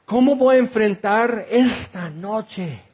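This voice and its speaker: A man's voice: high voice, takes it slowly, a little mellow, breathy edge, full character voice. A man voicing a grieving, desperate young woman disciple who pleads and questions, on a dull lo-fi recording.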